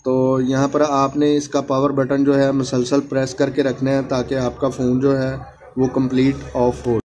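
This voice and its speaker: In a warm, mid-range voice with completely flat delivery at normal speed, a phone repair tutorial host talks viewers through the fix step by step. He repeats each instruction as his hands work and calls his viewers friends, and the home recording is noisy.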